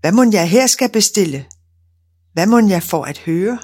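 A woman's voice: medium pitch, animated, a little mellow, slightly rough. Wistful naive fir tree, read by a woman. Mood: wondering. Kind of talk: storybook reading.

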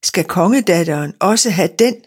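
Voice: medium pitch, expressive, husky. A storyteller voicing haughty older brothers who mock their younger brother scornfully in a storybook reading.

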